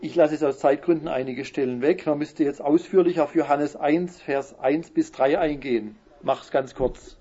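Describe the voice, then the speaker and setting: Bible teacher, male, fairly high husky voice, slow stressed scripture reading, muffled lo-fi recording. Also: dark tone. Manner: explains Bible verses, reading quotes slowly with emphasis. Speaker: preacher.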